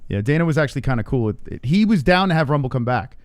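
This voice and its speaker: A man's voice: mid-range voice, expressive, fast, dry recording, studio quality. A man hosting a call-in talk show, chatting casually and bluntly.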